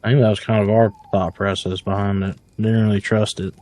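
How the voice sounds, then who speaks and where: Laid-back Southern man, lowish voice. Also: little pitch movement, fairly quick, darkish tone. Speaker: player. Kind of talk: casual chat at a tabletop game.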